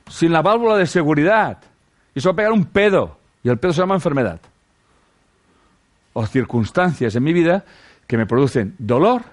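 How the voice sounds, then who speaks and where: Spanish man, spiritual teacher, casual group talk, lively swinging pitch, blunt slang, lots of rhetorical questions. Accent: Spain. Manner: animated, rhetorical questions, earthy slang, calls listeners sweethearts.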